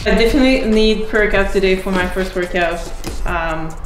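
In a roomy garage gym with hip hop playing, a young fitness athlete chats through a laid-back training-tips vlog that also moves into her kitchen. She speaks briskly at a medium pitch, sprinkling in hesitant fillers and light laughter over a noisy background.

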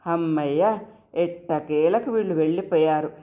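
A woman's voice: sits low, moderate pace, warm tone, lo-fi sound, lightly acted. Woman reading as fond teasing elder sister. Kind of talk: storybook reading.

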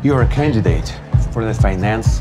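Male actor as an upbeat office boss, lively formal delivery, heavy music bed. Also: fairly low pitch, close to an everyday voice. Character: male office boss sharing good news. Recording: series clip with loud music. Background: loud music.

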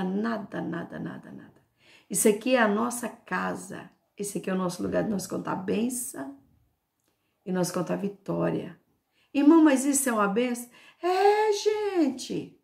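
A woman's voice: mid-range voice, vocal fry, a little mellow. An older woman with a Brazilian Portuguese accent, a grandmother giving an informal devotional sermon to her camera, fervent, stretching out repeated words and calling out praise. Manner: fervent, drawn-out emphatic repetitions and cries of praise. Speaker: home preacher and YouTuber.

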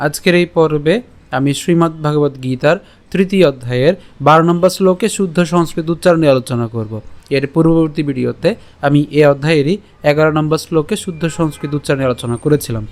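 A man teaching Sanskrit verse pronunciation in an online lesson, breaking words into syllables slowly and checking with rhetorical questions. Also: on the high side.

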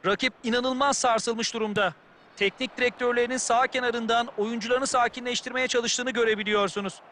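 A high-pitched man analyses a football match as co-commentator. His remarks come over faint background noise, in the style of sports game commentary. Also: steady tone, brisk, pushed and bright.

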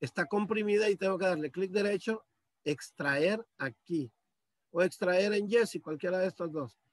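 A man's voice: high-pitched, moderate pace, no room sound. A male teacher walking students through a computer task step by step, patiently, on a video call. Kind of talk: screen-share computer lesson. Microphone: computer mic on a video call.

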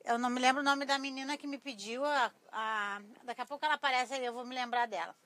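A middle-aged Brazilian woman speaks in a thin, reedy voice that sits high and has a sharp, slightly cracked edge. She chats informally to her viewers, like a craft teacher running a relaxed live class. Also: fast. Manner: chatty, informal, often addressing viewers. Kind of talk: casual live-stream tutorial chat. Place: small cluttered craft workshop indoors. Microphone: clip-on lapel mic.

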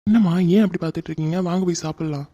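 A woman's voice: lowish voice, racing, warm tone, muffled recording, pitched below the performer's own voice, close to an everyday voice. A woman voicing an easygoing, caring young man in a cartoon, coaxing and affectionate.

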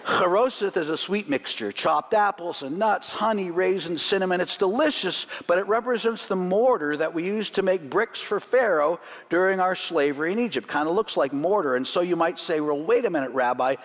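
A man with a slightly high voice leads a church congregation through a Seder plate, explaining each item. He teaches with light jokes and chuckles. His voice rings with a long reverb through the sanctuary. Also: normal speed, few pauses. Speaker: rabbi leading a Seder demonstration. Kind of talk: sermon demonstration.

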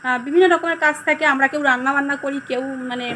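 Chatty Bengali housewife vlogging at home. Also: female voice, sits high, steady tone, very fast, bright, forceful tone, a little hiss or hum. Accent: Bengali (West Bengal). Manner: chatty, rambling, many fillers. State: hoarse, throat going. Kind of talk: casual vlog chat to viewers.

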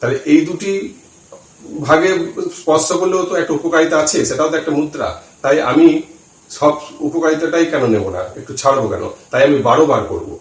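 A man giving a slow, deliberate lesson on chanting, counting aloud as he shows the finger positions. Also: fairly high pitch. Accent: Bengali. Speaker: spiritual teacher. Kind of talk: instructional talk to camera. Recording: roomy echo, voice from some distance.

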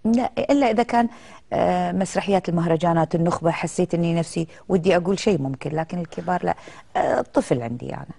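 A woman's voice: on the low side, very fast, gravelly. A middle-aged woman, an actress guest telling stories in a casual TV interview. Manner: lively, animated storytelling with quoted dialogue.

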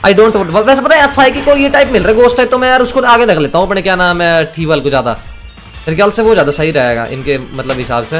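A gaming YouTuber, a young man, gives casual, jokey Let's Play commentary, chatting to himself and to the game's characters. His voice sits high and is a bit bright, quick and lively. Faint game music plays behind him.

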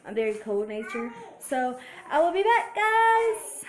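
A woman's voice: high voice, very animated, unhurried, slight background noise. Chatty young woman with a drawl. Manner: chatty, addresses viewers as y'all and guys. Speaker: cooking vlogger. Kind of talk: casual cooking tutorial. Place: home kitchen. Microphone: handheld phone camera.

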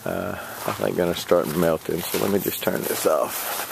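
A man's voice: low-pitched, moderate pace, creaky, noisy background. A man from Texas giving a casual, rambling walkthrough of his garden outdoors, with lots of fillers and little chuckles. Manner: rambling, hesitant, many fillers, chuckles often. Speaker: vlogger. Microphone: handheld camera.

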